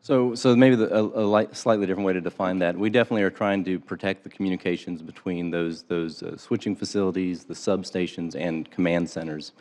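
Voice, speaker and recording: A man giving formal testimony as an expert witness in a hearing room, explaining in a measured way and often repeating his first words before an answer. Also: sits low, a little mellow.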